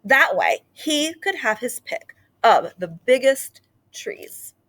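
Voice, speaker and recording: A woman whose voice sits high reads a children's picture book aloud slowly, with an expressive storytelling approach.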